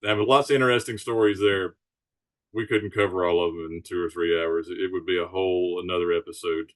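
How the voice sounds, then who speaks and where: A man's voice: low-pitched, fairly even intonation, fairly quick. A man chatting casually as a guest, explaining things in an informal, easygoing way. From Alabama Gulf Coast, United States. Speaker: podcast guest, charter sailboat captain.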